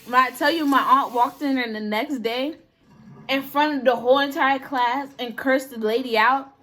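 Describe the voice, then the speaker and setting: A young woman in casual chat, telling school stories in an animated way and acting out the people she quotes. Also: sits high, moderate pace. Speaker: storyteller.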